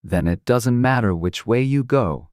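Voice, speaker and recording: Woman as a sly mad talking cat, low voice, languid and teasing, storybook style, really dry recording. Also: animated, a little slow, darkish tone, no room sound. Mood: unruffled, teasing. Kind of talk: dramatized storybook reading.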